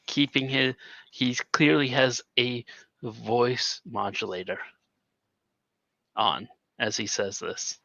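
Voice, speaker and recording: Gravelly slow game master. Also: male voice, mid-range voice, fairly even intonation, pushed and bright, no room sound, muffled recording. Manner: halting, self-correcting, slow narration. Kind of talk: narrating a tabletop role-playing game.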